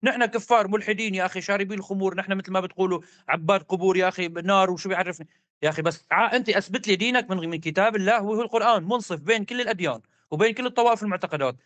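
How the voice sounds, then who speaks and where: A man argues hard in a religious debate, rapid and insistent, repeating his demands again and again. His voice is high and a bit bright, captured in a dry recording.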